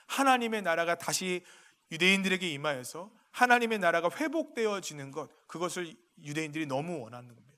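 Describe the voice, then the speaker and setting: Korean pastor, bright high voice, sermon. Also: male voice, lively intonation, fairly quick. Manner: builds to loud emphatic peaks, then drops to quiet confiding asides; rhetorical questions to the congregation. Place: church sanctuary.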